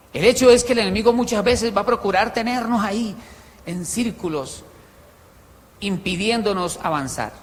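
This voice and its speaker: A male pastor with a high voice preaches and tells stories to a congregation, his volume swinging from loud passages to quiet asides. His voice carries a long reverb through the church hall. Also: slight background noise. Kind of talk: sermon.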